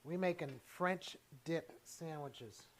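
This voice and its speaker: A man's voice: a little high, takes it slowly. A man hosting a casual cooking livestream, playful and chatty, talking straight to his viewers. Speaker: cooking show host.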